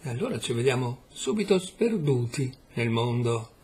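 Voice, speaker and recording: Man reading troubled haunted gentleman, halting confession, husky, mid-pitched. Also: big pitch swings, heavily acted. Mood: reflective. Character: troubled middle-aged man haunted by his past. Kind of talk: audiobook reading.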